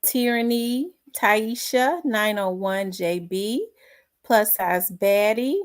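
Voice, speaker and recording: A woman hosting a casual livestream, greeting viewers by name with lots of ums. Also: mid-range voice. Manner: unhurried, reads out viewer names with many fillers. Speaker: livestream host.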